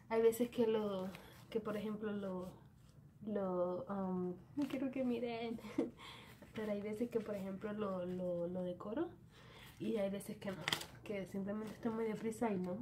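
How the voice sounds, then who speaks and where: A woman's voice: mid-range voice, fairly even intonation, slow, long pauses, mellow, slight background noise. Chatty Dominican woman in a bedroom. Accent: Dominican Spanish. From Dominican Republic. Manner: chatty, mixes English words into Spanish. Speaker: vlogger. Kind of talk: casual planner walkthrough. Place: small bedroom indoors. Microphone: phone camera at arm's length.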